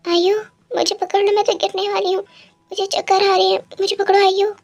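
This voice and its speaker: A woman's voice: very high voice, flat delivery, moderate pace, darkish tone. A woman voicing a melodramatic middle-aged mother-in-law in a told story. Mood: shocked. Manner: melodramatic, exclaiming.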